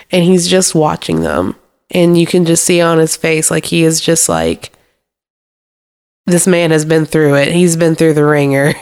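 A woman's voice: on the low side, darkish tone, clear, resonant tone. A young woman co-hosting a casual movie podcast, retelling scenes and laughing often. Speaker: podcast co-host. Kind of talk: casual movie review chat.

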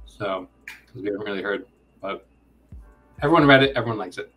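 A man in his thirties, a comic co-creator appearing as a guest in a casual interview, rambles and makes self-deprecating jokes. His voice is fairly low, a bit bright and fairly quick, with faint music in the background.

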